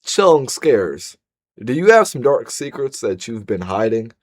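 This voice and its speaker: A man's voice: mid-range voice, big pitch swings, a little slow. A man streaming reaction commentary, incredulous and repeating himself.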